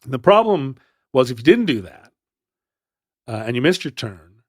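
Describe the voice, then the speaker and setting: A man's voice: medium pitch, big pitch swings, normal speed, no echo, clean studio sound. Man telling a history story casually. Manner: storytelling, playful asides. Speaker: podcast co-host.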